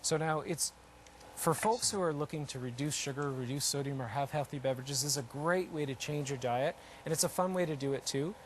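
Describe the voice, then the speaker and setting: A man's voice: fairly high pitch, fairly quick, slight background noise. A man demonstrating his own invention live, explaining it step by step with emphatic repetition. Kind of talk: unscripted live product demonstration.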